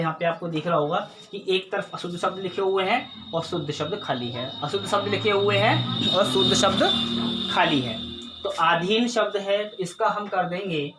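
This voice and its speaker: A teacher with a medium-pitched, fairly bright voice delivers a recorded grammar lesson, patiently explaining each step. They pose and answer their own questions and frequently check in with the class, with slight background noise audible.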